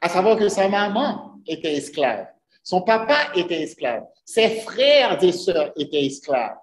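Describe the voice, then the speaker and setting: A man's voice: high voice, sing-song, measured pace. A man preaching a sermon to his congregation, earnest, often putting rhetorical questions to them. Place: church sanctuary. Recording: echoey church room.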